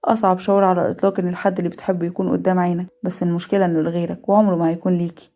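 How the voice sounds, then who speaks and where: A heartbroken young woman who hides her love and speaks in soft, sorrowful tones, voiced by a woman. She has an Egyptian accent and a dark, mellow voice that rushes along. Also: on the low side, flat delivery, natural voice.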